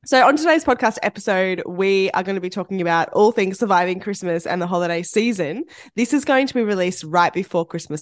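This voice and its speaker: A woman's voice: lowish voice, no echo, clean studio sound. A woman hosting a podcast in casual, upbeat chat, her voice congested from a chest infection. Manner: upbeat and chatty, laughs often. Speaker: podcast host.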